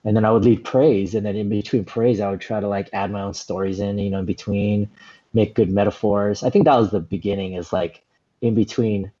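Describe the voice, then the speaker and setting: A man in his forties, a stand-up comedian, telling stories in a relaxed, rambling way with lots of "you know" and "like". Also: on the low side, a little fast, lo-fi sound. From Southern California, USA. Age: 40s. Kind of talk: casual interview storytelling.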